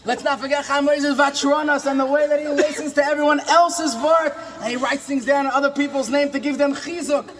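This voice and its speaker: A man doing a comic impression of an impassioned, warm, questioning rabbi, telling inspirational stories with dramatic, preacherly refrains. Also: very high voice, fairly even intonation, a little fast, few pauses, background noise. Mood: earnest, emphatic.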